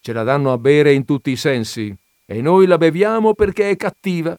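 A man's voice: fairly high pitch, normal speed, darkish tone, no echo, pitched above the performer's own voice, close to an everyday voice. A big, jovial braggart in his fifties spills his story in a chatty, confiding way, voiced by a man reading an audiobook. The sound is dry and close. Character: fat, jovial middle-aged man, garrulous and boastful.

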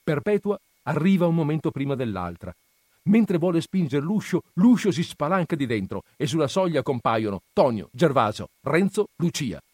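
A man giving an expressive, dramatic reading of a classic novel. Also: on the high side, breathy edge, dry recording. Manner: dramatic, animated storytelling. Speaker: reader.

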